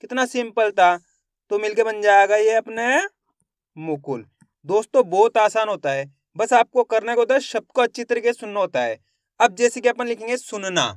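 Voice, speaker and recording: A young man with a high, clear voice teaches spelling, sounding out every syllable and repeating each word. His voice is smooth and close, in a dry room with no echo. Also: animated, moderate pace. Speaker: Hindi writing teacher.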